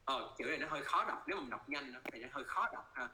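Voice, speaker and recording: A man with a Vietnamese accent coaching English pronunciation, repeating words slowly and switching between Vietnamese and English. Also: medium pitch, animated, noisy background. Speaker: English teacher.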